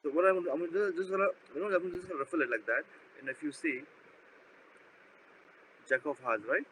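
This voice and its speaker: A man's voice: a little high, brisk, fairly bright tone. Man doing card-trick patter, noisy recording. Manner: repetitive, checking with the listener. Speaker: card magician. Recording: noisy background hum.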